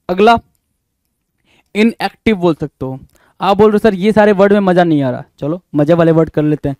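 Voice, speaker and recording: A man's voice: sits high, darkish tone, no room sound. A man teaching an exam vocabulary lesson, asking the listener rhetorical questions over and over. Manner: repetitive quizzing asides.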